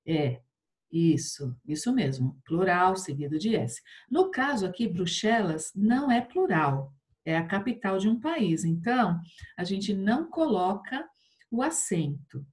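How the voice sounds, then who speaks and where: Patient sing-song Brazilian teacher. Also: female voice, medium pitch. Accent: Brazilian Portuguese. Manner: patient, drawn-out sing-song explaining with many tag questions. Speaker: primary school teacher. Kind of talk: online class for fourth graders.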